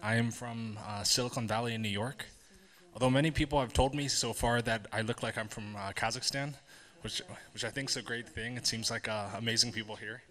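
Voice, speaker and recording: A man giving a live conference talk, earnest and halting, with many fillers and restarts. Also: mid-range voice, fairly even intonation, fairly bright tone. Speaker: conference speaker. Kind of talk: live presentation to an audience. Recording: hall reverb.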